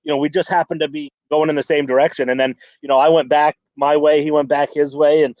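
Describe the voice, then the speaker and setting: A man's voice: fairly high pitch, little pitch movement, quick pace, darkish tone, no room sound. A man chatting casually on a fishing podcast, rambling with many restarts and fillers. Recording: dull lo-fi dry sound.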